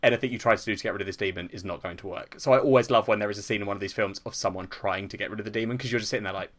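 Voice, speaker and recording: A man co-hosting a casual film podcast, animated and prone to imitating sound effects, swearing freely. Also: on the low side, rapid-fire. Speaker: podcast co-host.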